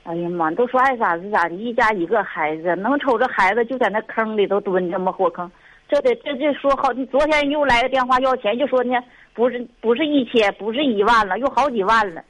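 Middle-aged woman caller with a Northeastern accent, exasperated, sighs a lot, talks fast and rambling. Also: on the high side, fairly bright tone, poor audio. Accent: Northeastern Mandarin. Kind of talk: call-in conversation.

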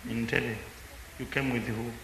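A man preaching to a congregation, lively and teasing, pausing for his interpreter. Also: mid-range voice, gravelly. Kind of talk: sermon with live interpreter. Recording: echoey hall with faint background noise.

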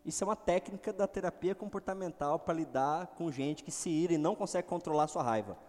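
A middle-aged man preaches with a slightly high voice. He jumps between loud, excited outbursts and low, confiding asides. His voice rings with a long hall reverb. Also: quick pace. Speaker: pastor. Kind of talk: sermon.

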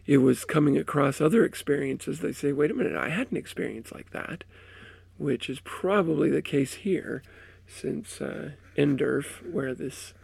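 A male podcast host with a sick, strained voice from a cold, talking in a halting way with many fillers, then reading an account aloud. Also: on the high side, vocal fry, darkish tone, breathy edge, no room sound. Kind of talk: casual intro and reading aloud.

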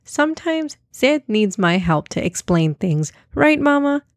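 A woman's voice: medium pitch, sing-song, unhurried, dry recording, studio quality. A woman voicing an eager, bossy, chatty little girl in a children's storybook. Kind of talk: storybook reading.

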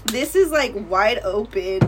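A woman's voice: a little high, expressive, a little slow. A young woman co-hosting a podcast, telling a story in a casual, profane way and often breaking into laughter. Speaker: podcast co-host. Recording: slightly distant mic with faint room noise.

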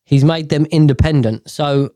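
A man's voice: fairly high pitch, normal speed, mellow, no echo. Rambling man, dry close sound. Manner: rambling, irreverent, swears, stumbles over words when reading. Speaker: podcast host. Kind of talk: casual chat while reading news aloud.

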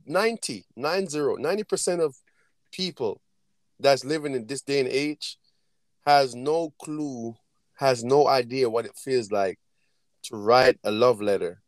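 A young man in casual chat on a podcast, animated and slangy, saying bro often. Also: medium pitch, no room sound.

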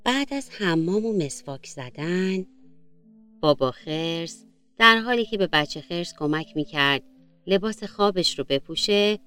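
A woman reading a children's story aloud in a gentle, slow storytelling manner. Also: fairly low pitch, expressive, clean tone, faint music behind.

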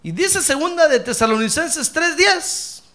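A man preaching to his congregation in a folksy, animated way. His voice sits high and swoops widely, with a bright, sharp edge. He acts out conversations and leads the room in call-and-response. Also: measured pace. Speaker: pastor. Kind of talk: sermon.

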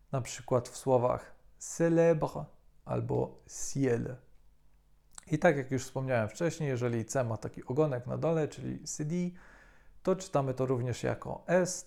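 A language teacher with a gravelly, medium-pitched voice calmly explains French pronunciation, often hesitating with filler sounds.

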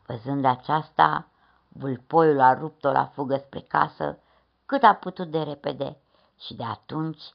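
A woman reading a children's fairy tale aloud, expressive, stretching words slowly and dropping into hushed asides. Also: very deep voice, vocal fry. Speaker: storyteller. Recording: dull lo-fi recording.

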